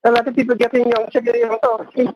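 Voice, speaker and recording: A male caller, whose phone line keeps glitching and breaking up as he speaks in a halting, repetitive way. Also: extremely high pitch, completely flat delivery, crowd noise. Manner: halting and repetitive, restarts words. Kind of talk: call-in radio talk.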